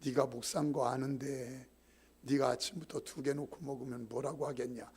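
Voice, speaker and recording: Casting: God as a calm, fatherly voice, low and quiet, slightly husky, played by a preacher. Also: moderate pace. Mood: gentle rebuke. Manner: low, hushed, admonishing.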